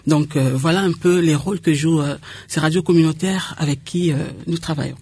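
Lady on a radio interview, low husky voice, explains stuff, repeats herself. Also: brisk, a little mellow, no echo. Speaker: radio community liaison officer.

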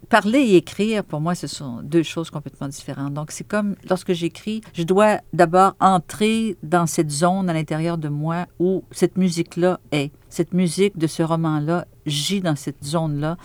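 Québécois woman novelist as interview guest, musing and halting, close dry sound. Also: on the low side, a little mellow, no echo. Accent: Québécois French. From Quebec. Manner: thoughtful, halting, with frequent fillers and repeated words. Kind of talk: reflective interview talk.

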